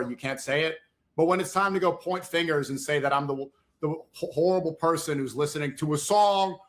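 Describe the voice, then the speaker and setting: A man's voice: a little high, fairly bright tone. A man in a played clip, ranting indignantly and speaking directly to his critics. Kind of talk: streamer rant.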